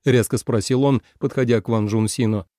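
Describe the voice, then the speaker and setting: A man giving expressive scripted narration of a storybook. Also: medium pitch, moderate pace, dry recording, clean studio sound. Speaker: audiobook narrator.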